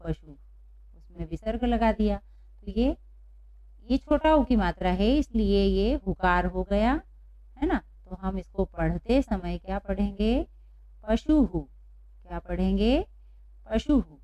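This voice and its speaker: A woman teaching pronunciation in a classroom-style lesson, asking questions and slowly repeating each answer. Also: medium pitch, expressive, dark tone, lo-fi sound. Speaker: Sanskrit teacher.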